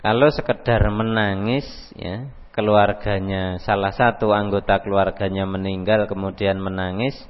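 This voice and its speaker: A man with a Javanese accent gives a religious study lecture in an unhurried, deliberate way, weaving in Arabic readings. His voice sits low. The recording carries a long hall reverb and sounds dull and lo-fi. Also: level tone, clear, resonant tone. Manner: explains slowly, mixing in Javanese and Arabic readings. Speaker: Islamic teacher. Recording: echoey hall, dull lo-fi audio.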